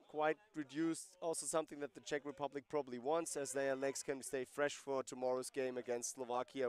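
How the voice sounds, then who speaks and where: A mid-range male voice provides live play-by-play of a lacrosse game. He stays conversational, explaining the rules and the players' backgrounds between plays.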